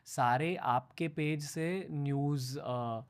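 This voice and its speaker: A man hosts a casual podcast, his voice pitched slightly high for a man. He puts his questions softly and slips into English phrases as he goes. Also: extremely slow, clear, resonant tone. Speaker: podcast host.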